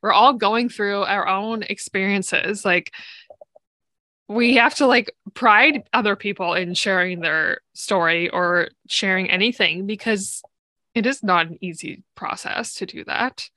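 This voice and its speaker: A woman hosting a casual interview, phrasing haltingly and peppering her sentences with filler "like". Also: mid-range voice, pushed and bright, dry recording. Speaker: interview host.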